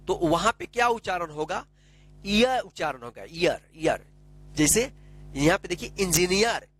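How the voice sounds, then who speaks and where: Slow, patient man teaching phonics. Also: high voice, a bit bright, a little hiss or hum. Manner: slow, spelling words out letter by letter; asks and answers his own questions. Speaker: English teacher. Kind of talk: phonics lesson.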